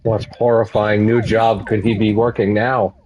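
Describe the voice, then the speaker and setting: A man's voice: lowish voice, level tone, moderate pace, a little mellow, muffled recording. A man streaming a game with casual, muttering playthrough commentary. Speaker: game streamer, podcast host. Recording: game music behind the voice.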